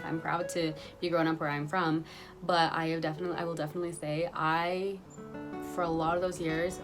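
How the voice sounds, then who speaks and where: A young woman telling a personal story on her vlog, earnest and rambling, often restarting her sentences. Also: fairly low pitch. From Guatemala, raised in Utah. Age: young adult. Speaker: vlogger.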